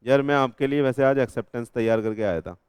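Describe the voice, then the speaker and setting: A young man with an Indian accent leads a live law revision class, constantly quizzing and joking with students while mixing Hindi with English legal terms. His medium-pitched voice is quick and darkish, clean and free of room sound.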